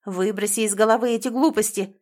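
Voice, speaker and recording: A woman's voice: mid-range voice, fairly even intonation, fairly quick, darkish tone, lightly acted. A woman voicing a domineering, scheming middle-aged stepmother who scolds and commands in a raised voice. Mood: commanding.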